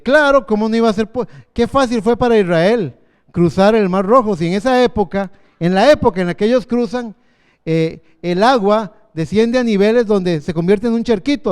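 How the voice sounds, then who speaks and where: A man's voice: high-pitched, expressive, fairly quick, smooth. A man preaching who briefly speaks as a skeptical male historian, explaining things away dismissively, in a sermon retelling. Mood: scoffing.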